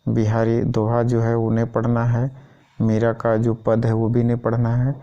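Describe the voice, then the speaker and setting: A man's voice: mid-range voice, completely flat delivery, normal speed, dark tone, highs cut off. A man going through a school syllabus item by item in an informal teaching style, often checking in with the listener. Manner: keeps repeating "thik hai" as a check-in.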